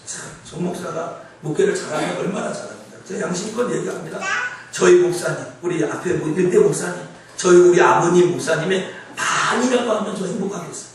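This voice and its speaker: A male pastor preaching a sermon in a church sanctuary, conversational and animated, often asking the congregation questions, recorded from far off in an echoey hall. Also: sits high, brisk, a little hiss or hum.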